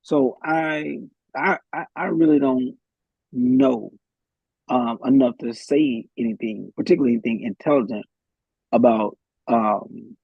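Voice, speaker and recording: A husky, gravelly man talks as a guest on a live podcast, thinking aloud and restarting his sentences. His voice sits at a middle pitch. The audio is dry and a little muffled. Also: unhurried, no room sound.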